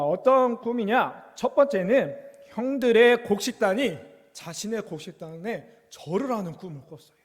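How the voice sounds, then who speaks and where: A man's voice: high-pitched, a little mellow, big-room sound. A young man preaching to children and teens as their youth pastor, in a conversational way that keeps asking them questions. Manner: conversational, asks the kids questions.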